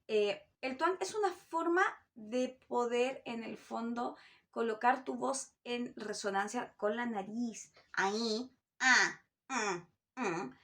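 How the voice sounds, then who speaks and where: A middle-aged woman, teaching a vocal technique lesson and demonstrating sounds as she explains. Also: fairly high pitch. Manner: demonstrative, with sung vowel and animal-sound examples. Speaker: voice coach.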